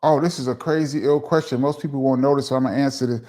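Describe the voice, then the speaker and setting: Hosting a live stream, a middle-aged man from Brooklyn with a New York accent fields viewer questions in a relaxed, talkative manner, with frequent laughs and ums. He talks fast in a steady, dark, medium-pitched voice.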